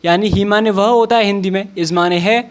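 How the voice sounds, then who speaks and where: A man's voice: high voice, steady tone, normal speed. A man teaching English reading. He spells each word out letter by letter, then says it. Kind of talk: slow spelling-out English lesson.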